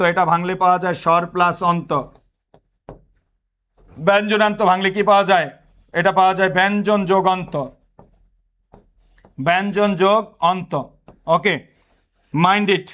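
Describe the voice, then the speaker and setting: Quizzing the class and supplying the answers himself, a young man leads a lively admission test lesson. His voice is high-pitched.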